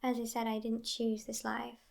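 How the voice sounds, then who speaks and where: This ASMR roleplay features a woman as a vampire girlfriend, immortal, sassy and affectionate, speaking at a moderate pace. Her fairly high, hushed voice often turns to a whisper, staying languid and even with a gravelly creak at the edges and a tender, reassuring feel.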